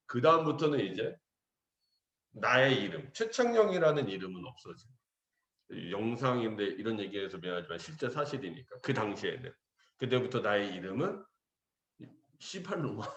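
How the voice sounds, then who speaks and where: Lively, jokey man telling stories in class. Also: mid-range voice, moderate pace, reverberant. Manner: animated, jokey, acts out quoted voices. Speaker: English teacher. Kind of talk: casual storytelling to students.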